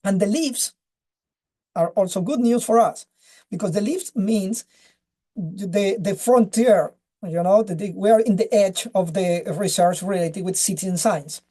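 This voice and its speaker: Halting man on a video call. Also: high voice, warm tone. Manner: halting, searches for words, many restarts. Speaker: webinar speaker. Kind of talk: casual presentation and chat.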